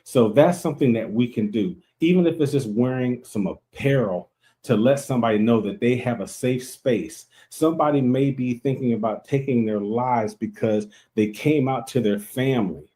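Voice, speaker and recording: A man's voice: medium pitch, warm tone. A man co-hosting a podcast, telling a story in casual chat and acting out the dialogue over a remote call. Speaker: podcast co-host.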